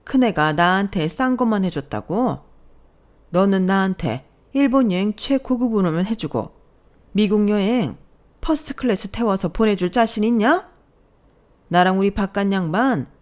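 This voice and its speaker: A woman voicing a furious older mother-in-law who berates her daughter-in-law in a loud, scolding voice. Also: medium pitch, expressive, moderate pace, lightly acted. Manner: shouting, berating.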